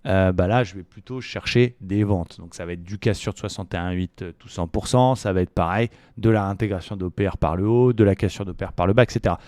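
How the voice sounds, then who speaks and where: Low-voiced man talking trading, casual. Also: fast talker, few pauses, no room sound. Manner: relaxed, chatty, frequent fillers, slangy asides. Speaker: trading educator. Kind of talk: casual market analysis video.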